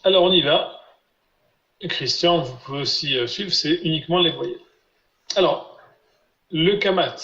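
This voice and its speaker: A man teaching a live online class, patiently repeating syllables slowly for his students over a video call. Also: fairly high pitch, a bit bright. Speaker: Biblical Hebrew teacher. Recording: roomy, dull lo-fi sound.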